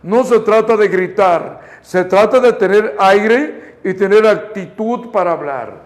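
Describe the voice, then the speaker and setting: A male English teacher with a Mexican Spanish accent, coaching students through repetition drills in a live online class. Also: high voice. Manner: stretches English model phrases slowly.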